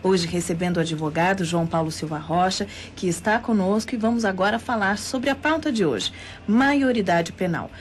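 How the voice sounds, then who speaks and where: Woman, Brazilian accent, radio host, announcer delivery, faint studio hiss. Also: mid-range voice. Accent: Brazilian Portuguese. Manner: announcer-like, reads phone numbers and email slowly. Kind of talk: live radio interview hosting.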